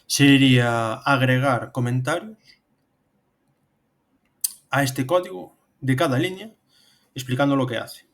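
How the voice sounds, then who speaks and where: In a medium-pitched voice, slowly and with long pauses, a man in his thirties walks through a programming tutorial on screen, step by step. His accent is Spanish from Spain.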